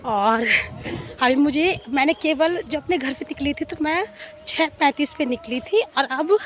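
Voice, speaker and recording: Young woman, high voice, chatty vlog, repeats words, walking outdoors, slightly breathless. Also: a little slow. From Bihar, India. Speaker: vlogger. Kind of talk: casual vlog chat. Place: outdoors on a village road, walking.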